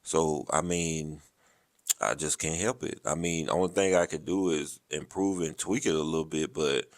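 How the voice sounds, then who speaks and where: A man in his thirties from the American South with a Southern drawl, talking slowly and evenly in a casual interview. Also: dry recording. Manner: slow, deep, even delivery. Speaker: Army noncommissioned officer, guest.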